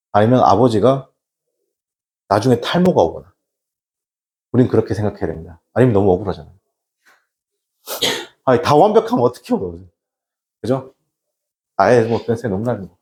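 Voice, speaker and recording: A middle-aged man with a warm, mid-range voice teaches an English lesson in a classroom. He's chatty and joking during the lecture, constantly checking in with his students.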